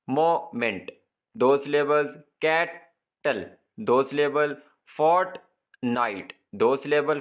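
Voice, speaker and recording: A male teacher explaining an English lesson in Urdu, reading English slowly and then explaining it quickly. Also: medium pitch. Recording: tinny phone-like audio.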